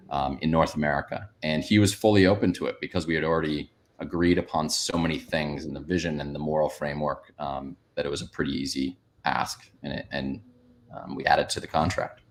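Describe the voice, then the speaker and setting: Very deep-voiced man, rambling. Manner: rambling, many restarts and "um"s. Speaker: panelist, company founder. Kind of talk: panel discussion answer.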